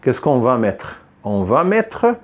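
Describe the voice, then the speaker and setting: A man's voice: mid-range voice, big pitch swings, slow pace, highs cut off. A man teaching a French lesson in a classroom, patiently repeating phrases for his students to echo back. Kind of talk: classroom lesson with call-and-response drilling.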